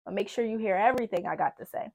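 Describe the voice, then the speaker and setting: A woman's voice: mid-range voice, very fast, vocal fry. A woman hosting a podcast, giving blunt, profane relationship advice in a casual, emphatic way, speaking. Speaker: podcast host. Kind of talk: candid relationship talk.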